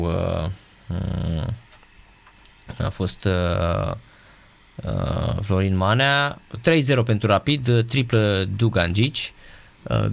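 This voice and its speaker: A man's voice: low-pitched, gravelly. A man hosting a sports talk show, talking casually and hesitantly with many fillers.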